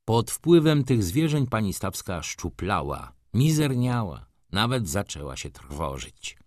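A man narrating a novel as an audiobook, in an expressive, theatrical reading. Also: on the low side, a little slow, no room sound, clean studio sound. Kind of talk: scripted narration.

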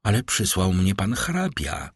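Polite male household servant from a classic novel, read by a man in a very low, dry voice. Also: very animated, measured pace, gravelly, breathy edge, no echo, heavily acted. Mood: deferential.

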